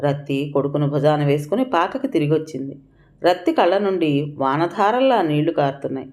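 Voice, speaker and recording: A woman's voice: sits low, animated, fairly quick, a little mellow. A woman narrating a story as an audiobook, reading with feeling and taking on the characters' cries and pleas.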